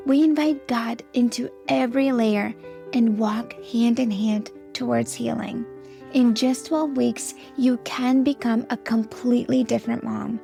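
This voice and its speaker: Her voice fairly high with vocal fry and a warm tone, a woman in her thirties hosts a laid-back solo podcast, coaching moms on anger in an earnest, chatty, supportive manner. She was born in Latvia, and her native language is Russian.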